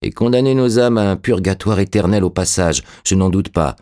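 A man's voice: low voice, fairly quick, dark tone, dry recording, clean studio sound, pitched above the performer's own voice, lightly acted. A man voicing an intense, commanding male sorcerer-priest who speaks in urgent, insistent exclamations in an audiobook reading. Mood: fervent.

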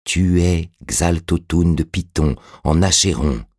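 A man's voice: low voice, expressive, normal speed, a little mellow, slightly rough, dry recording, clean studio sound. A man voicing an intense, commanding male sorcerer-priest who speaks in urgent, insistent exclamations in an audiobook reading. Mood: fervent.

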